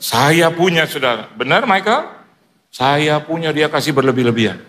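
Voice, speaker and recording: A man preaching from a church stage, his voice sitting a little high for a man as he spins a comic story. He bounces into quoted asides and laughs along with his own jokes, and a faint hiss runs under the microphone. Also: normal speed. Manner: animated, joking, mimics others in quoted asides. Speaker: pastor. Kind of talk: sermon with humorous storytelling.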